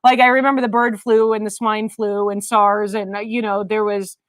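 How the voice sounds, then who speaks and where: A woman's voice: medium pitch, flat delivery, moderate pace, dry recording, clean studio sound. A woman co-hosting a casual podcast chat, talkative and exasperated, filling her talk with "like". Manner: chatty, lots of "like" fillers, exasperated. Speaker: podcast co-host.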